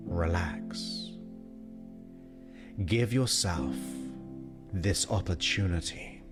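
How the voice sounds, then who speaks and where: A man guiding hypnosis in a slow, soothing, mesmerizing way with long pauses. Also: low voice. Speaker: hypnosis coach and host. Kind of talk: guided hypnosis.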